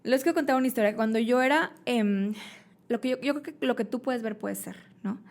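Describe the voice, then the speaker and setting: A woman's voice: on the high side, fairly quick. A young adult woman with a Mexican accent, a podcast guest telling stories in casual chat and acting out the voices of the people in them. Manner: animated storyteller, acts out quoted voices.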